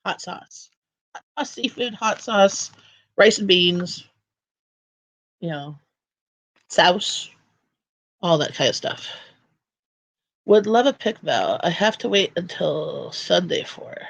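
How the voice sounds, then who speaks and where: A woman's voice: on the low side, expressive, slow, vocal fry, long pauses, slightly rough, poor audio. A woman hosting a casual livestream chat from home. She rambles and often restarts her sentences. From Canada. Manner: rambling and chatty, with frequent restarts. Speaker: livestream host.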